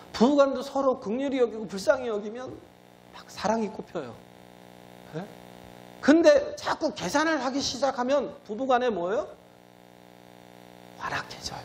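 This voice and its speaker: A man preaches in a high, lively voice that leaps up for emphasis and then sinks to a quiet low. He keeps throwing rhetorical questions at his congregation and prompts them for replies. A faint hum sits under the recording. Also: poor audio. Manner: swings between emphatic high lines and low, quiet drops. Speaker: pastor. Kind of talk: sermon.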